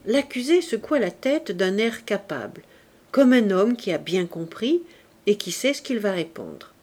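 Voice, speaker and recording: A woman narrating a classic novel audiobook in a steady, even manner. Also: mid-range voice, a little slow, breathy edge. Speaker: audiobook reader. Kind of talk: scripted narration.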